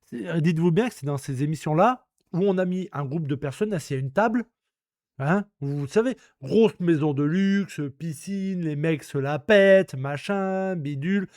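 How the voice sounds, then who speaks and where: A man's voice: fairly high pitch, moderate pace, darkish tone, dry recording, clean studio sound. A man around thirty from France, hosting a casual talk stream and ranting indignantly in crude slang with lots of repetition. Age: about 30.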